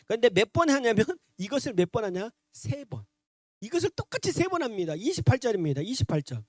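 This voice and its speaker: A man preaching a sermon with a pitch that swings widely up and down. He keeps asking his listeners questions and slips into other voices for quoted lines. The sound is dry and close, with no room echo. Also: quick pace. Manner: animated preaching with rhetorical questions to the congregation; acts out quoted speech in shifted voices. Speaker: pastor.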